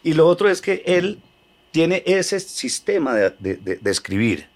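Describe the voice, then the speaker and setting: A man's voice: fairly high pitch, big pitch swings, measured pace. A man who is a comedian guest on a podcast, explaining and clarifying a point on behalf of his co-guest. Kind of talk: casual podcast conversation.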